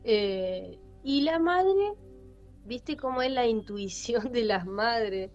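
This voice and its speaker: A woman's voice: on the high side, animated, takes it slowly. A woman with a Rioplatense Spanish accent hosting a podcast, telling a story casually and animatedly, with many fillers and repetitions. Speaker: podcast host. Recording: lo-fi with faint music.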